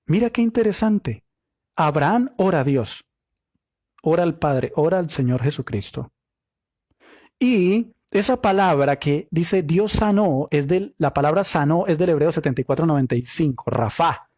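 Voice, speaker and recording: A man with a fairly high voice leads a Bible study, reading verses aloud and stopping to unpack the Hebrew behind them. He asks his listeners rhetorical questions as he goes. The recording is dry and close, with no room sound. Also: expressive, normal speed, a little mellow, no room sound. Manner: reads scripture aloud and explains Hebrew word meanings, asking rhetorical questions. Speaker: Bible teacher.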